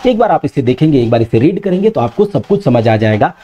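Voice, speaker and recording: Brisk male exam-prep teacher, mellow voice. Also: mid-range voice, sing-song, dull audio. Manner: brisk, repeats "ठीक है" and reminders to remember. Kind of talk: exam-prep lecture going through a list.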